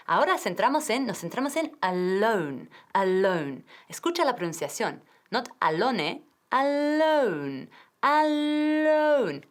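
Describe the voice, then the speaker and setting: Lively woman teaching English. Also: medium pitch. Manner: clear, drilling pronunciation, switching between Spanish and English. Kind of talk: TV language lesson.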